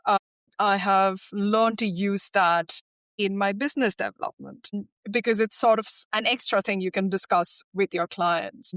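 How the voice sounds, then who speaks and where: A woman's voice: lowish voice, a bit bright, dry recording. A woman from India, a lawyer guest on a podcast, speaking thoughtfully with frequent restarts. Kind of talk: podcast interview.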